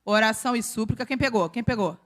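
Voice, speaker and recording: A woman delivers a sermon to a congregation. Her voice sits fairly high and she keeps it animated, acting out the people and accents in her stories. Her tone stays playful even as she teaches. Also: fast. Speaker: preacher.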